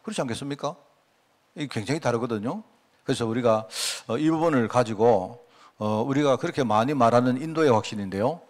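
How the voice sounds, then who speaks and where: A man's voice: medium pitch, fairly quick, darkish tone. Man preaching a conversational sermon. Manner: conversational, poses rhetorical questions to the congregation; acts out quoted prayers and remarks. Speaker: pastor.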